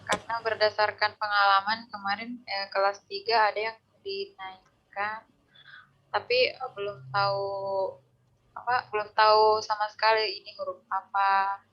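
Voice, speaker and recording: A woman's voice: medium pitch, level tone, normal speed, muffled recording. A woman teacher reporting hesitantly in an online meeting, her call audio breaking up. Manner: hesitant, many "eh" fillers. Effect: choppy call audio that keeps breaking up. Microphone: video call.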